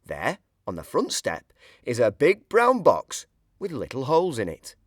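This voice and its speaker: Expressive man reading a picture book aloud. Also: medium pitch, unhurried, dry recording, clean studio sound. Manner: expressive, sing-song storytelling. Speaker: storyteller.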